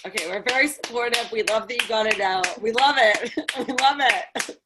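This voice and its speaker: A woman's voice: fairly high pitch, moderate pace, background noise. A chatty woman competing in a contest, joking casually and a little dramatically.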